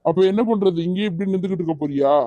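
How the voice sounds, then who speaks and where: A man's voice: high-pitched, rapid-fire, no echo, muffled recording, lightly acted. A man voicing an evasive young man who gets defensive and irritated when questioned, in a cartoon. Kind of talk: cartoon voice acting.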